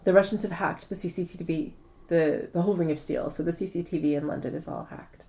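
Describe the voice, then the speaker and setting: In an interview, a woman author speaks quickly in a steady, very mellow and warm voice pitched a little low. She lays out her points articulately, one step at a time.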